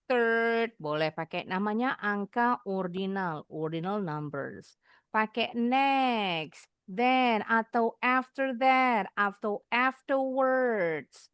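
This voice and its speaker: A woman teaching young students, explaining with lively repetition and sounding out example sentences with exaggerated rise and fall. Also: mid-range voice, smooth, no echo, clean studio sound. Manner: lively, repeats points for emphasis. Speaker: English teacher.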